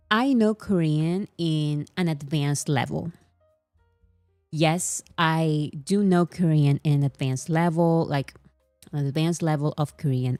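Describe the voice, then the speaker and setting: Low-pitched and darkish in tone, a Spanish-native K-pop fan vlogger talks casually to camera, laughing often behind a mock-serious front. The studio-quality audio has no room sound.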